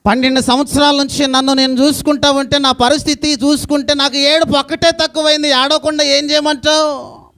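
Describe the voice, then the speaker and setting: A man's voice: very high voice, level tone, brisk, bright, forceful tone, pitched above the performer's own voice, full character voice. A male preacher voicing a desperate woman who has been sick for twelve years, pleading in rhetorical questions. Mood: despairing.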